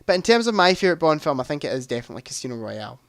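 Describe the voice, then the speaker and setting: A man's voice: a little high, big pitch swings, rapid-fire, gravelly, no echo, studio quality. A man hosting a live movie quiz stream, chatting casually, thinking aloud and making self-deprecating asides.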